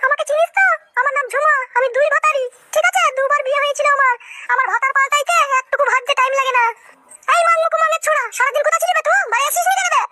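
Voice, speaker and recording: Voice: very high voice, level tone, racing, bright, forceful tone, dry recording, studio quality, soft background music, voice pushed up, full character voice. A performer voicing a brawling middle-aged cartoon mother-in-law who screams insults. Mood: abusive. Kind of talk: comic cartoon dubbing.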